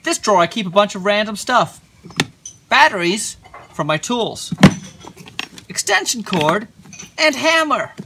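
A man's voice: sits high, gravelly, noisy background. A man in his thirties walking through his camping gear outdoors, with dry joking asides. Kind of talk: casual gear walkthrough. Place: outdoors in a driveway and at a campsite.

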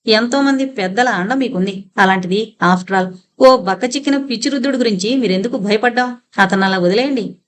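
A man's voice: high-pitched, slight background noise, close to an everyday voice. A woman voicing a grave, solemn local man. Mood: reasoning. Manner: solemn, measured. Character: grave, calm middle-aged local man.

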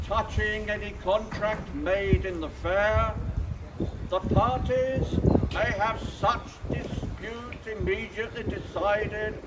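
An older man calling out a formal proclamation as a town crier, loud, declamatory and measured, outdoors in a town square. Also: high voice. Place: open-air town square, traffic and ambience behind. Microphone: camera several metres away. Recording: distant outdoor recording with clear street noise.

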